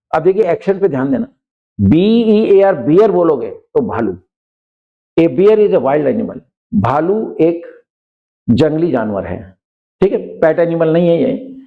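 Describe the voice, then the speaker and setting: A male English teacher with an Indian accent, explaining vocabulary patiently and repeating his words. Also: on the high side. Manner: explains patiently, repeats words and often says "theek hai". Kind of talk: classroom vocabulary lesson. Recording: dull lo-fi sound.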